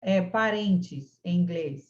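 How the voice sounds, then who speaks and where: Patient woman teacher on an online class, speaks slowly, muffled call sound. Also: lowish voice, darkish tone. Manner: patient, models English phrases slowly for students. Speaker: English teacher.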